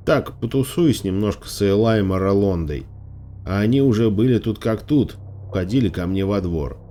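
A male audiobook reader voicing a stubborn, determined young girl, pitched a little higher than his own voice. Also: expressive, normal speed, dark tone, slight background noise, lightly acted. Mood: insistent. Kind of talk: audiobook character voice.

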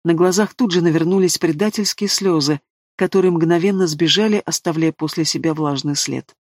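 A man's voice: fairly high pitch, brisk, no echo, studio quality. Man narrating a fantasy audiobook. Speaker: audiobook reader.

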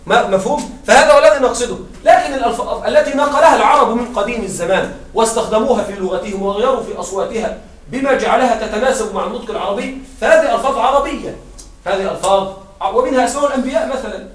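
A man's voice: extremely high pitch, rapid-fire. A male teacher giving a classroom grammar lesson, often quizzing his students and restarting words as he explains. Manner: questioning students, repeats and restarts. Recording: roomy classroom sound from far off.

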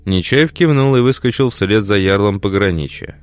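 Deep-voiced man narrating an audiobook. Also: normal speed, dry recording, faint music behind. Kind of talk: first-person audiobook narration.

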